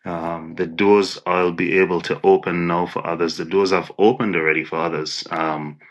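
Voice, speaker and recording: A man's voice: deep voice, little pitch movement, normal speed, highs cut off. A man from Nevis, giving encouraging, conversational interview answers and often repeating words as he thinks aloud. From Nevis, Saint Kitts and Nevis. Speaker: interview guest, entrepreneur.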